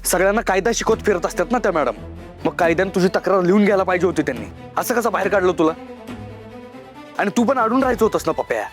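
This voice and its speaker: An actor playing a hotheaded, protective young man who talks briskly and reassuringly. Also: sits high, lively intonation, faint music behind.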